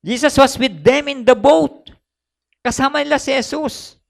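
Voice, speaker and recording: A man's voice: very high-pitched, a little slow, vocal fry, fairly bright tone. A man with a Filipino accent preaching a sermon as pastor, switching between Tagalog and English and repeating phrases for emphasis.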